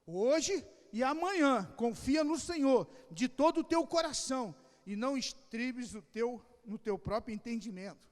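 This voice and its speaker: A man pastor preaching an impassioned sermon with a Rio de Janeiro accent, swinging between shouted calls and quiet asides. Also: extremely high pitch, normal speed. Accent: Rio de Janeiro Portuguese. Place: church hall. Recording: long church hall reverb.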